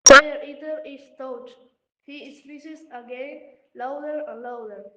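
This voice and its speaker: Woman storyteller, high voice, simple children's narration, dull echoey audio. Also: bright, forceful tone. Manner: simple, clear and deliberate. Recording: echoey muffled room.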